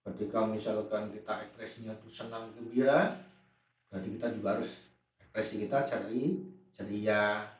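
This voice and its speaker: A man's voice: on the low side, fairly even intonation, normal speed, long pauses, heavy reverb. Man, teacher, recorded class lesson, patient explainer, distant mic, dull lo-fi sound. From Indonesia. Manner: patient, repeats points, answers pupils' imagined questions.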